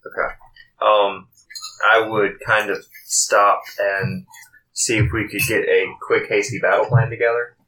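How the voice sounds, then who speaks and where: A man taking part as a player in a tabletop game, talking in a relaxed, deliberate way. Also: on the low side, poor audio. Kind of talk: casual tabletop play.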